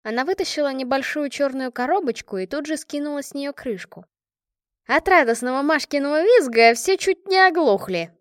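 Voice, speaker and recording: A woman's voice: high voice, dry recording, studio quality. Woman narrating an audiobook. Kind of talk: scripted narration.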